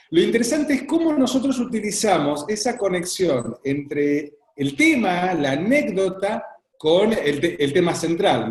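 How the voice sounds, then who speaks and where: A man with a Rioplatense Spanish accent facilitating an interactive online workshop in an effusive, appreciative way. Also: high-pitched. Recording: roomy echo on online call.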